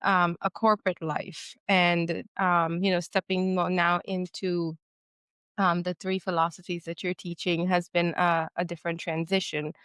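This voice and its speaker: A podcast host from Guyana, a woman who speaks in a reflective, searching way, full of fillers and restarts. Her voice sits on the low side and sounds smooth and resonant, recorded dry and close. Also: level tone, unhurried, fairly bright tone, no room sound. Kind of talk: conversational interview.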